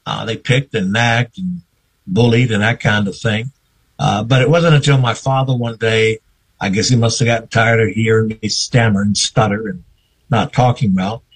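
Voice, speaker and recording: An older man, a guest on a radio interview, telling his life story slowly and reflectively. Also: lowish voice, steady tone, breathy edge, low-quality recording. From North Carolina, US. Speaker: guest, veteran newsman.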